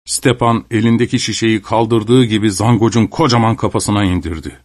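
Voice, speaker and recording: A man narrating an audiobook in a steady, storytelling manner. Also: lowish voice, moderate pace. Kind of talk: scripted narration.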